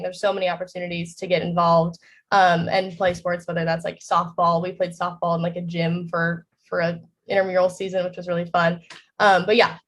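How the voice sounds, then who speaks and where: A young woman student on a panel, chatting enthusiastically with lots of fillers. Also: on the low side. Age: young adult. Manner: enthusiastic, filler-heavy rambling. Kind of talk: casual panel chat.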